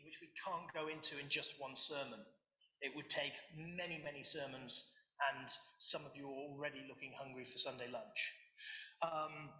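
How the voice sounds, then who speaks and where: Animated preacher in an echoey hall. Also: male voice, a little high. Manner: animated, with sudden loud emphasis and humorous asides. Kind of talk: sermon. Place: church hall. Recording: echoey church room.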